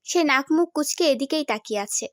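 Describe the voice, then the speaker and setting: A young woman narrating a story in the first person, expressive and storytelling. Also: sits high, fairly quick, dry recording, clean studio sound.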